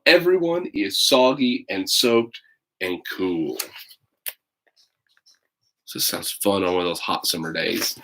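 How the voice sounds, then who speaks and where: A read-aloud storyteller with a voice on the high side shares a children's picture book, pausing for casual, folksy asides to his listeners. The recording is low quality.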